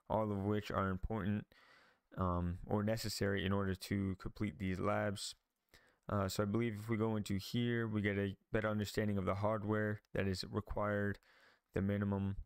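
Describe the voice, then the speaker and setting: Casual tech tutorial host, male, low and level voice, clean and dry close-mic sound, unscripted with ums. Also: clean tone, dry recording. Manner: casual, thinking aloud with frequent ums and restarts. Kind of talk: screen-recorded software tutorial.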